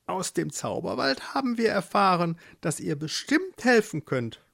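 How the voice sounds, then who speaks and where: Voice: medium pitch, big pitch swings, measured pace, gravelly, a bit bright, no room sound, clean studio sound, pitched above the performer's own voice, heavily acted. A storyteller voicing an impatient, pushy male mole who talks in an urgent, bossy way, for a children's storybook.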